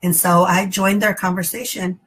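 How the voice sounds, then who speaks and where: A woman's voice: mid-range voice, flat delivery, moderate pace, fairly bright tone, poor audio. A woman teacher giving an earnest, emotional personal testimony, hesitant at times.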